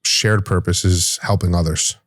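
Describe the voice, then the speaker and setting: A man hosting a podcast interview in a relaxed, casual way, using slang. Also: sits low, normal speed, no echo, studio quality. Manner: laid-back, says "bro" and "like". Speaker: podcast host.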